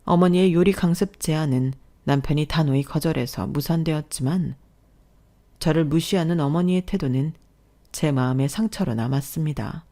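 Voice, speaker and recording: A woman narrating a personal family story in a calm, scripted storytelling manner. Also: low-pitched, normal speed.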